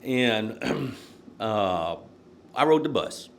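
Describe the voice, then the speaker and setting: Older man, from Nashville, low voice, rambling anecdotes, lots of fillers, faint hum behind. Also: expressive, very slow. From Nashville, Tennessee. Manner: rambling, many fillers, chuckles while telling stories. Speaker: podcast guest, court candidate. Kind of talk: casual interview, storytelling.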